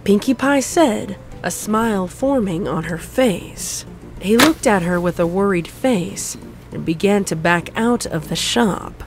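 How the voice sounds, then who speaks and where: A woman narrating a fan story in an even storybook reading. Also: medium pitch, a little slow, over music. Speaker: fanfic narrator. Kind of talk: scripted narration.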